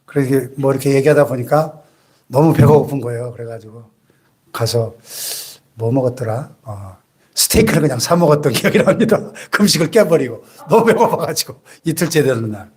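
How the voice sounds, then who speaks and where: A man's voice: mid-range voice, animated, brisk, darkish tone. A man around sixty, a senior pastor preaching a sermon in a church and prodding the congregation with rhetorical questions.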